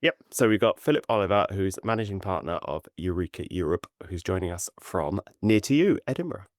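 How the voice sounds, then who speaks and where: Deep-voiced man co-hosting a podcast. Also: sing-song, fairly quick, dry recording, clean studio sound. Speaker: podcast co-host.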